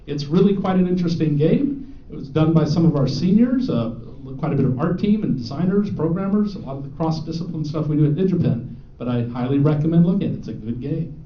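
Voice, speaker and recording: A man's voice: fairly high pitch, animated, quick pace. A man presenting student game awards to a live audience, joking and teasing as he reads out the winners. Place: event hall with an audience. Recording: echoey, dull hall recording.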